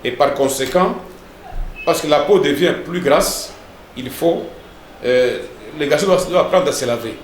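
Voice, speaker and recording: Male pastor, didactic TV teacher, slightly high voice, echoey room. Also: moderate pace, slight background noise. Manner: didactic, repeats words and tags lines with "hein" and "n'est-ce pas".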